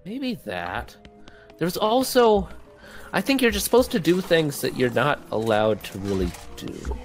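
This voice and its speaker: A man's voice: a little high, big pitch swings, measured pace, faint music behind. A man co-hosting a gaming show in casual let's-play chat.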